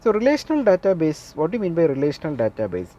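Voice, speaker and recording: A man's voice: fairly high pitch, wildly swooping pitch, rapid-fire, dark tone, highs cut off. A man lecturing a class, repeating key points and often checking with the listeners that they follow.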